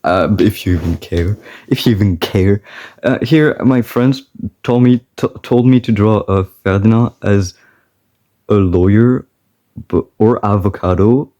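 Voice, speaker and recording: A man's voice: lowish voice, unhurried, mellow. A man of twenty-one chatting casually and rambling, often stopping himself mid-sentence and laughing. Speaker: artist vlogger. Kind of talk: casual chat.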